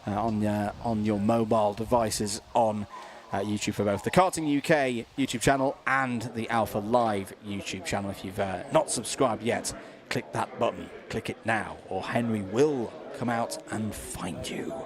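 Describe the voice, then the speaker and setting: A man's voice: lowish voice, steady tone, normal speed, a crowd in the background. A man with a British accent doing live karting commentary, chatty, with many fillers and restarts.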